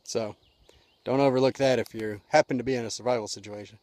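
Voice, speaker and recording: A middle-aged man rambles easily about camp life, recorded on a handheld camera out in the woods. His voice sits at an ordinary pitch, and steady outdoor noise runs underneath. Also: fast talker. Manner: folksy, rambling, drawling with many fillers. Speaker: outdoor survival vlogger. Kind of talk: casual outdoor vlog. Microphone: handheld camera at arm's length. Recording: outdoor camera mic, noisy.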